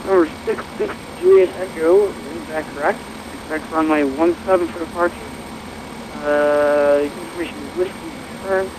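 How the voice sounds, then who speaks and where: Higher-voiced male controller on noisy radio. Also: moderate pace. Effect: radio transmission. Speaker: air traffic ground controller. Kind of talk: air traffic radio instructions. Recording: radio audio under loud aircraft noise.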